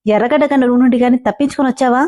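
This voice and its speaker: A woman's voice: sits high, steady tone, very fast, mellow, natural voice. A woman voicing an exasperated, blunt young man who answers curtly. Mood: irritated. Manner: curt, annoyed.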